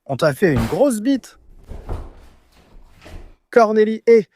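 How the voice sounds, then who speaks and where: Casting: man with a high, very lively voice for casual banter, given to insistent repeated commands. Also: slow, faint music behind. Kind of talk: casual banter among friends.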